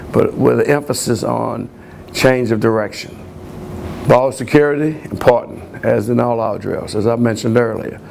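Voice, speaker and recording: Gravelly football coach guy walking through drills, a bit of hiss behind. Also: mid-range voice, steady tone, normal speed, a little mellow. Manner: plain, repetitive drill explanation with restarts. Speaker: running backs coach. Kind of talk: coaching instruction.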